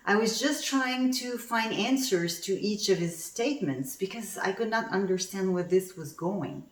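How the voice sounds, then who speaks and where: A Canadian communication coach whose first language is French gives an online conference presentation in a coaching tone, telling personal stories and putting questions to the audience. Her voice is medium in pitch, and the sound is roomy and distant.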